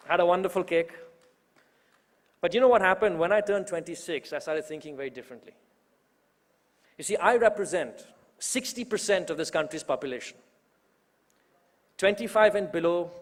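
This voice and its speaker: Man, 20s, emphatic public speaker with a slightly high voice, recorded with long reverb in a large hall. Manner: rousing, emphatic, with rhetorical repetition. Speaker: youth organizer introducing the main speaker. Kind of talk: public speech at a political event.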